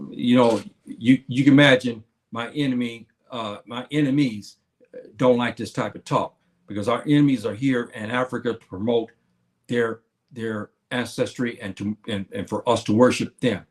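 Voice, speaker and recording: A man in his 70s gives a casual livestream talk to his viewers, speaking haltingly with lots of fillers and repeated words and circling back to his key phrases. His voice is medium-pitched with fairly even intonation.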